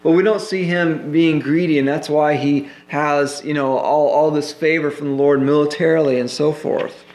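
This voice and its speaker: A man's voice: fairly high pitch, fairly even intonation, normal speed, a little mellow, reverberant. A man pastor teaching a Bible sermon in a conversational way, full of "you know" fillers.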